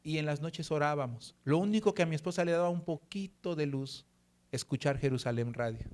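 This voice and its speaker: Earnest pastor preaching. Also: male voice, fairly high pitch. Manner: earnest, slows and softens for scripture verses. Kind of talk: sermon with personal testimony.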